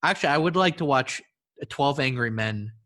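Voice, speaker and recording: A man co-hosting a comedy podcast, riffing in an animated, playful way. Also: mid-range voice, brisk. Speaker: podcast co-host. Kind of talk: casual comedic chat.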